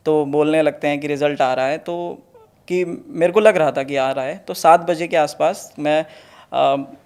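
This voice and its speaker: A young man in his twenties tells his story as an interview guest, with a fairly high voice for a man. He speaks earnestly and keeps addressing the host as "sir". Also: steady tone, measured pace, darkish tone, clean tone. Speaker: interview guest, exam topper. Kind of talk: conversational interview.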